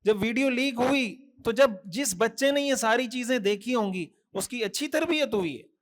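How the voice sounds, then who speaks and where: A man delivering a sermon in a very high voice. He admonishes earnestly, asks rhetorical questions and stacks repeated phrases. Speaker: mufti preacher. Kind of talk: Thursday night sermon.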